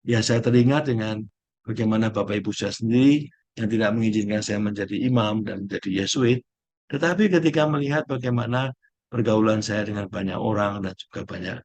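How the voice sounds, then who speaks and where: A middle-aged man, a Jesuit priest, giving a slow, gentle spiritual reflection with searching pauses. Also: on the low side.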